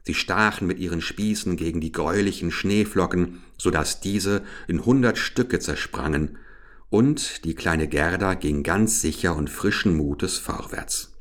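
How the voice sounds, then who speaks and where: Deep-voiced man reading a fairy tale. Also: unhurried. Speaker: narrator.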